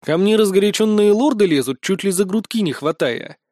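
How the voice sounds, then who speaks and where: A man narrating a fantasy audiobook in the first person, with a lively, expressive reading on a close mic. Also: sits high, fairly quick, dry recording.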